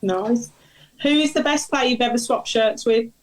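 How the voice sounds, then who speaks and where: A woman with a Birmingham accent casually asking quick-fire questions on a chat show. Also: on the high side, rough recording. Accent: Birmingham (Brummie).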